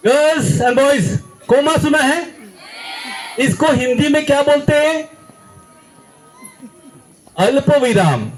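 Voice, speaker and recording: A man's voice: very high-pitched, rough recording. A young man giving a motivational address to schoolchildren, emphatic and quizzing the audience, acting out examples as he goes. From India. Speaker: guest speaker at a school.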